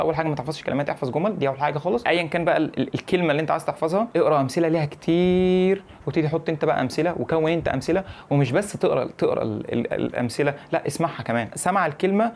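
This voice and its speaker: A young man with an Egyptian Arabic accent giving casual advice to camera, repeating his points and checking that the viewer follows. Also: a little high. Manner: rapid, animated, repeats points and checks in with "فاهم؟". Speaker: English-learning YouTuber.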